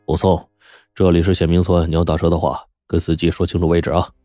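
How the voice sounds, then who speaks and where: A man voicing a rough but kind-hearted middle-aged father who talks bluntly and gruffly in a told story. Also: low-pitched, little pitch movement, quick pace, dark tone, no room sound, studio quality, faint music behind, close to an everyday voice.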